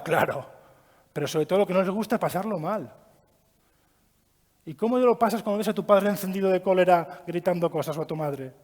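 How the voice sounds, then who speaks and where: A man giving a training talk to an audience, lively and asking them questions as he goes. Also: high voice. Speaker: trainer giving a child-protection course. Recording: long hall reverb.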